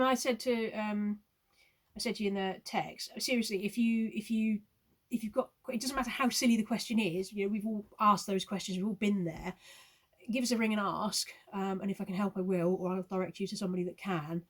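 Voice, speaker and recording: A woman's voice: medium pitch, steady tone, a little fast. A woman recording a casual video message of puppy advice, reassuring and rambling with many hesitations. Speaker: puppy owner giving advice.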